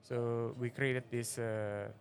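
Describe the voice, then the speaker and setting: A middle-aged Indonesian man, a venture investor appearing as an interview guest, speaks slowly in a medium-pitched, flat voice. He sounds hesitant, leaning on frequent fillers and non-native phrasing. The setting is a conference forum venue.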